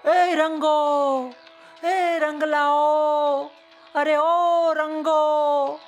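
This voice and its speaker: A man's voice: high voice, a bit bright, faint music behind, heavily acted. A man doing a squealing little girl ant. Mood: calling out. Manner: squealing, drawn-out exclamations. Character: small excited female ant, eager and curious.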